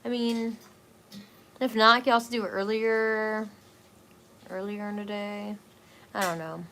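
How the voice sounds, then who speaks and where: Woman, wellness stream host; soft, relaxed, rambling casual chat full of fillers, faint background hiss. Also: medium pitch, a little slow. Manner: rambling and hesitant, many fillers.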